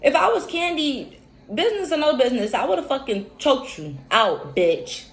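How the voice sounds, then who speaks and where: A woman's voice: sits high, sing-song, normal speed, creaky. A woman, giving an unscripted, profane, emphatic reality-TV recap rant. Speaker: recap commentator. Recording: echoey room with faint hiss.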